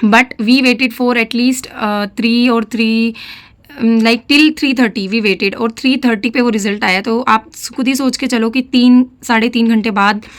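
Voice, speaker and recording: Speaking slowly in a steady, slightly high voice, this young defence exam aspirant vlogger offers chatty advice despite a mildly sore throat. She blends English phrases into her talk and often checks in with her audience, saying "theek hai" again and again.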